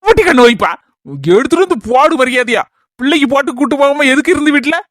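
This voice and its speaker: A man's voice: extremely high pitch, fast talker, a bit bright, dry recording, studio quality. A man with a Kanyakumari Tamil accent playing a bossy middle-aged husband who scolds and gives orders in a family comedy skit. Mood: scolding.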